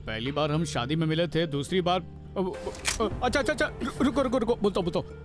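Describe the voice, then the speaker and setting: A man's voice: high-pitched, brisk, music in the background, lightly acted. A man dubbing a flustered, stammering young hero. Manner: pleading, stammering. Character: flustered young male romantic lead. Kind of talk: Hindi film dub.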